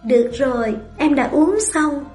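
Audiobook: fragile, timid young wife, higher and hushed, woman reader doing the voice, roomy echo with faint music. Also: measured pace. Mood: eager. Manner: soft, hesitant and childlike.

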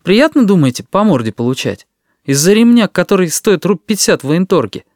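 A man's voice: high-pitched, very animated, brisk, a little mellow, no room sound, studio quality, pitched above the performer's own voice. A man voicing a polite, calculating schoolboy who argues his case. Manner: polite, reasoning.

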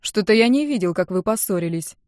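A woman voicing a smug, teasing young man in an audiobook, speaking slowly with mock tenderness. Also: mid-range voice, expressive, darkish tone, no room sound, clean studio sound, lightly acted. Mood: dry. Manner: slow, mock-tender, smirking.

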